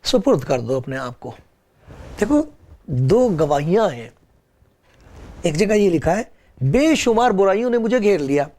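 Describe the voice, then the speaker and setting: A man's voice: sits high, sing-song, pauses often, mellow. A man preaching a sermon on a religious program, earnest and pleading, with rising and falling emphasis.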